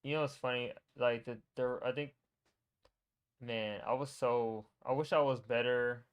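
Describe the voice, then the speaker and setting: A man's voice: mid-range voice, steady tone, unhurried, smooth. A young man casually reacting to his own old videos, teasing and talking to himself. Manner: wry, teasing, talks to himself.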